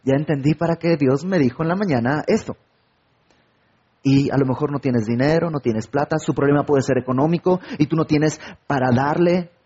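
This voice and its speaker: A man's voice: a little high, moderate pace, mellow, husky, dull audio. A man preaching a sermon, asking his listeners questions and acting out little everyday conversations. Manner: rhetorical questions and acted-out everyday dialogue.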